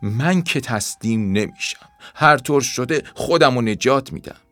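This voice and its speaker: A man's voice: medium pitch, animated, a bit bright, no echo, lightly acted. A man doing a stubborn brave little ant. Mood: determined.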